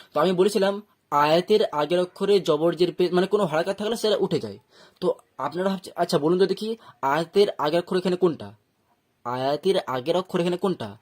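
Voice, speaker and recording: A man's voice: high-pitched, darkish tone. Patient Bengali man teaching Quran reading. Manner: patient, repeats and breaks words into syllables, checks "okay?". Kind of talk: step-by-step recitation lesson.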